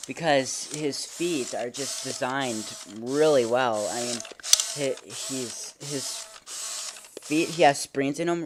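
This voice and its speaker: A toy reviewer with a medium-pitched voice gives a casual hands-on demo in a carpeted living room at home, speaking haltingly and informally and often trailing off. He films on a handheld camera, and the noisy home video picks up a robot toy's whirring motor and mechanical clicks.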